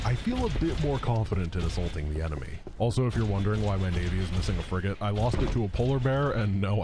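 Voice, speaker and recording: Low-voiced, lively male game narrator. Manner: wry, deadpan humour. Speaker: video game commentator. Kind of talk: scripted narration of game playthrough. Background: clear music.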